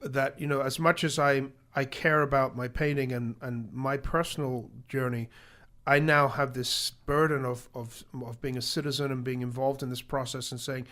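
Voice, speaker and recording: A man's voice: mid-range voice, steady tone, normal speed, fairly bright tone. A man talking as a guest in a radio studio interview, earnest, correcting himself and repeating points for emphasis. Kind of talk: live radio interview talk.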